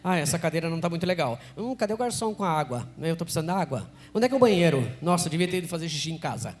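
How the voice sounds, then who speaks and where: A man voicing a distracted, catty audience member, muttering quick fussy asides. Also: fairly high pitch, very animated, slight background noise, voice pushed down.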